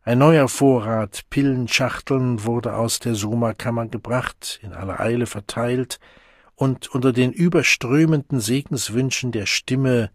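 A man reads a novel aloud in measured scripted narration. His pace is slow and his voice husky, recorded dry and close. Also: medium pitch, dry recording. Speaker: audiobook reader.

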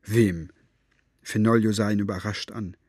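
Brief: male narrator, husky, close and dry, measured reading. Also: fairly low pitch, no room sound. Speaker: audiobook narrator. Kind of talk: scripted narration.

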